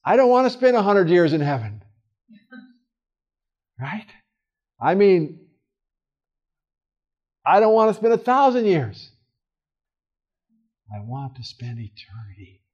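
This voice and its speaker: A man leading a Bible study with a voice that sits fairly high for a man. He talks in an earnest, conversational way, full of fillers and restarts. His stressed words come out loud, and he drops to soft, quiet asides in between. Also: sing-song, takes it slowly, pauses often, highs cut off. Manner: casual, with many fillers and restarts. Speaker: Bible teacher.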